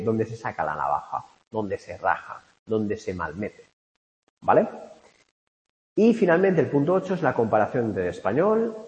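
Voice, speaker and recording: A man lecturing about a text in a loose, chatty way, dropping asides and checking in with rhetorical questions. His voice sits on the low side. The sound is dull and lo-fi, with a long reverb tail around him. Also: darkish tone. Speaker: teacher. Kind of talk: spoken lecture on a literary text.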